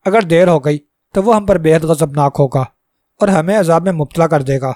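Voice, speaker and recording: A wrathful little bald dwarf priest, voiced by a male storyteller, screaming his threats in a fairly high tone. The recording is close and dry, with no room around it. It plays out as a storybook reading. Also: mellow, no echo, close to an everyday voice. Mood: furious. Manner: screams in anger.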